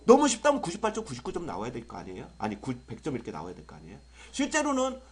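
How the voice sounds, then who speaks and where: Nursing a cold-induced sore throat, this young adult English tutor delivers an online lecture for exam prep. His voice is a little high and breathy, and he keeps firing off rhetorical questions in an excitable, over-the-top style.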